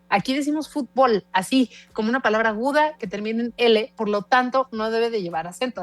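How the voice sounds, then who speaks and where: A woman in her forties with a Mexican accent, a guest speaking in an animated, emphatic way on a casual podcast. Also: fairly high pitch, dry recording. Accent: Mexican Spanish. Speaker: guest language expert.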